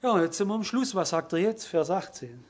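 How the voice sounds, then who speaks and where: High-voiced fervent man preaching. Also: animated, brisk. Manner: fervent, exhorting, swings between quiet and loud. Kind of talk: sermon.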